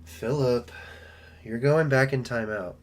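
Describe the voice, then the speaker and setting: A man's voice: medium pitch, slow pace. Joking man opening trading card packs. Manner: joking, rambling, playful. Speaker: host of a card-opening live stream. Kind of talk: casual live stream chat.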